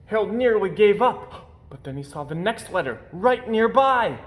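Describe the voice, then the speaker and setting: With theatrical stress on important words, a man performs a children's picture book as an expressive narrator, his voice pitched high and his speed normal.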